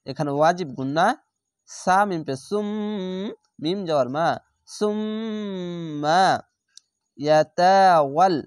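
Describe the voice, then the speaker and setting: A man teaching Quran reading in a slow lesson, spelling out each letter and vowel mark syllable by syllable and drawing out the sounds. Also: on the high side, dry recording, clean studio sound.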